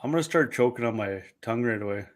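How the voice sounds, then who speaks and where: A man's voice: mid-range voice, fast talker. A man co-hosting a live golf podcast, chatting casually with short, offhand remarks. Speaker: podcast co-host. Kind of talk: casual chat.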